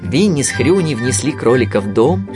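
Expressive male storybook narrator. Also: mid-range voice, moderate pace, over loud music. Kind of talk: storybook reading.

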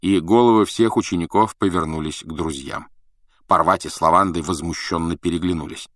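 A man reading a story aloud as an audiobook narrator, in an even, measured storytelling way. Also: sits low, no echo, clean studio sound. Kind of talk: scripted narration.

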